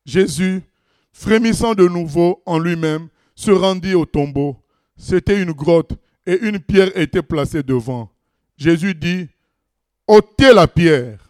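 A man preaching a sermon, reading scripture aloud and commenting on it, swinging between loud exclamations and low asides. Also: a little slow, no echo, studio quality.

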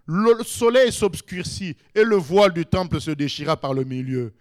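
Brief: an animated man preaching with a high, swooping voice. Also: normal speed. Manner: emphatic, animated, with sudden rises. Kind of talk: sermon.

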